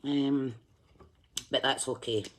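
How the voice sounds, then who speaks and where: With an extremely low pitch, steady tone, and slow delivery, a woman leads a live colouring demonstration. She chats and thinks aloud while colouring, humming to herself as she focuses.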